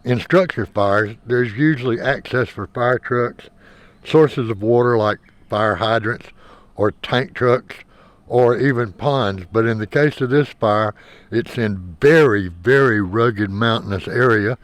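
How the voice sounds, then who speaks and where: A man narrating a vlog as its host, explaining things and sometimes pausing or repeating himself to find words. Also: mid-range voice, no room sound.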